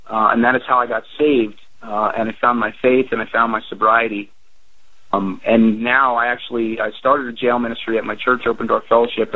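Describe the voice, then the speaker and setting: Guy in his 40s rambling earnestly bout his band, tinny phone sound. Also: lowish voice. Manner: rambling, earnest, with many fillers. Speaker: drummer. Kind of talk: radio interview guest.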